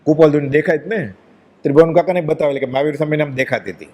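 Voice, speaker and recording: A man's voice: fairly high pitch, racing, a little mellow, dull audio. A man giving a devotional discourse, speaking emphatically and asking many rhetorical questions. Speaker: religious speaker.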